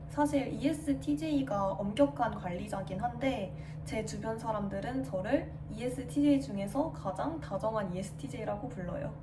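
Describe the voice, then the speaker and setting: Female vlogger, 20s, relaxed Q&A delivery; recorded off-mic in a reverberant room. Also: medium pitch, recorded from a distance, background noise. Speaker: pharmacy student vlogger. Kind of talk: casual Q&A monologue. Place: her new studio apartment room.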